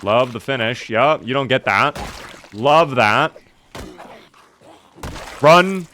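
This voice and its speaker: A man's voice: medium pitch, measured pace, bright, forceful tone, slight background noise. A man doing casual live commentary while playing a survival video game, chatting to viewers in a wry, mock-dramatic way.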